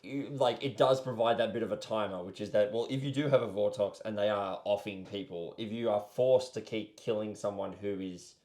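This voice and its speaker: A man's voice: lowish voice, fairly quick, few pauses, a little mellow. A man co-hosting a podcast in casual chat, carefully asking clarifying questions and summing things up. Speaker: podcast co-host.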